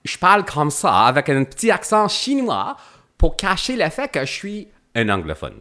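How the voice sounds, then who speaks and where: A man's voice: a little high, huge pitch swings, normal speed, bright, forceful tone. A middle-aged English-speaking Canadian man, a guest actor, speaking French in a casual podcast interview with many fillers and restarts.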